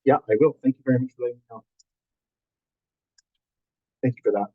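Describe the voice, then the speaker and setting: A man's voice: mid-range voice, fairly quick, slightly rough, no echo. A male instructor introducing his course on a video call, hesitant with fillers, his microphone muffled so he sounds underwater. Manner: hesitant, with many fillers and restarts. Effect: muffled, gurgling underwater-sounding microphone. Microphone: computer microphone on a video call.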